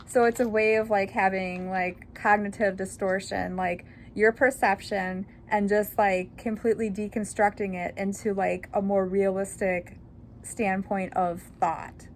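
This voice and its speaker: A woman in her thirties chats straight into a camera mic in a casual personal vlog. Her pitch sits in the middle of the range, and she rambles candidly, filling gaps with "like" and "um". A faint wash of background noise runs under the whole take. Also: level tone, measured pace. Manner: chatty, candid, rambling with many fillers. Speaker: vlogger.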